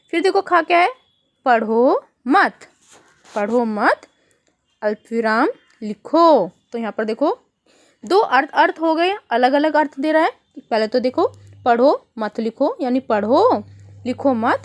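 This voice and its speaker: A woman teaches young children from a worksheet. Her voice sits high and swings widely in pitch. She explains patiently, asking the kids questions and calling them "beta". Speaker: primary school teacher. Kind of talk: online worksheet lesson for children.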